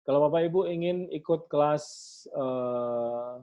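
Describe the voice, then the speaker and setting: A middle-aged man coaching parents in an online class, lively and acting out shouts and counts as he teaches. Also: fairly high pitch, unhurried. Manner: animated, acts out shouts and counts while teaching. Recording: dull lo-fi audio.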